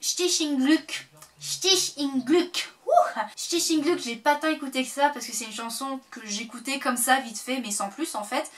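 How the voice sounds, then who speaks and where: A woman's voice: high-pitched, a little fast, hardly any pauses. Chatty young-sounding woman, slightly distant mic. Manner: chatty, lots of fillers, excitable outbursts. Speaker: vlogger. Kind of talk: casual chat to camera.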